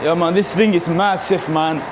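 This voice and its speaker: High-voiced man vlogging casually with street noise. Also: fairly even intonation, moderate pace. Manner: slangy, addresses viewers and customers as bro and man. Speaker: car wash worker and vlogger. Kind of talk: casual vlog chat. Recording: clear outdoor traffic and car noise.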